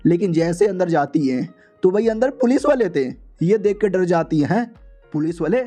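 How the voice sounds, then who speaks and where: A man's voice: high voice, expressive, moderate pace, warm tone, faint music behind. A man narrating an anime recap in a chatty, slangy storytelling style, voicing every character himself.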